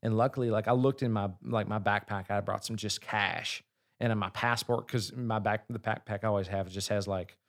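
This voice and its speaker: A man, a singer, telling a long story in casual chat, with frequent swearing and lively asides. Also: fairly low pitch, fairly quick, gravelly. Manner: profane, animated storyteller. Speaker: singer and guest.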